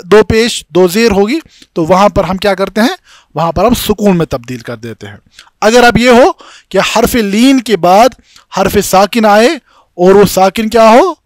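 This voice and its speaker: A man's voice: high-pitched, no room sound, studio quality. A man from Kashmir with a Kashmiri accent giving a classroom lecture on Quranic recitation rules, explaining step by step and often checking whether students follow. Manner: chants Arabic examples slowly and drawn out. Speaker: tajweed instructor.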